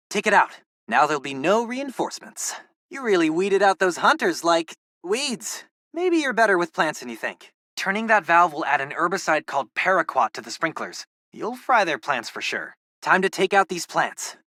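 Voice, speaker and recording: This is video game voice acting of a geeky, excitable teen hacker who loyally backs a superhero, giving a casual briefing in radio-style chatter. His American delivery is heavily acted, informal and quippy with nerdy tech talk, at normal speed, with a bright, forward tone and lively pitch changes. There's no room around the sound at all.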